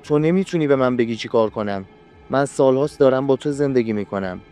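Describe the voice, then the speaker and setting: Possessive young jinn woman, soft and threatening, read by a male narrator. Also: medium pitch, soft background music, close to an everyday voice. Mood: angry.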